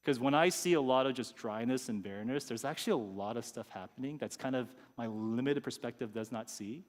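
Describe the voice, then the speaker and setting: A pastor giving a conversational sermon, sometimes acting out people's inner thoughts. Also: male voice, mid-range voice, fairly quick, in a large hall. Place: church sanctuary.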